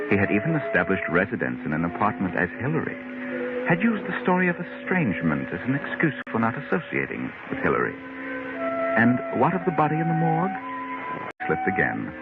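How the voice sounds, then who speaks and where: A sinister storyteller speaks very low over loud music on a muffled 1940s radio recording. He is knowing, mocking and theatrical as he narrates a mystery. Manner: sardonic, theatrical.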